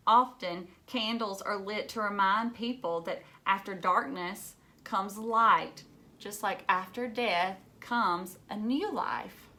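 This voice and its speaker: Her voice is mid-range, bright and forceful as she reads a children's book aloud in a teacherly way. Between passages of the story, she explains things plainly and chats directly with her young audience.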